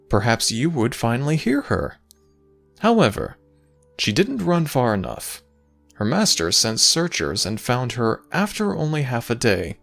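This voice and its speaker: In an audio roleplay, a man plays an urbane, theatrical god of storytelling, speaking grandly and deliberately with dramatic pauses. His heavily acted, mid-range voice has vocal fry and a fairly bright tone.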